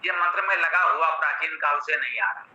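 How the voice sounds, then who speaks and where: A man with a Hindi accent giving a measured, teacherly explanation of a scripture verse, repeating and glossing each term. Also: on the high side, sharp tone. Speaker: Vedic scholar explaining a mantra. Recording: roomy, slightly dull recording.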